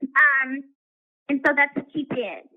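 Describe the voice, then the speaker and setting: Calling from a correctional facility on a prison payphone, a female inmate speaks slowly in a high voice. She hesitates and rambles with plenty of fillers, and the tinny phone line colors the whole recording.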